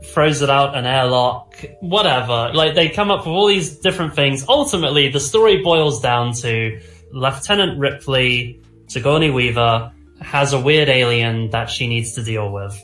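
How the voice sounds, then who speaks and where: A man's voice: mid-range voice, normal speed, a bit bright, soft background music. Enthusiastic man chatting in a roomy echo. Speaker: film discussion host. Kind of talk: casual enthusiastic film chat.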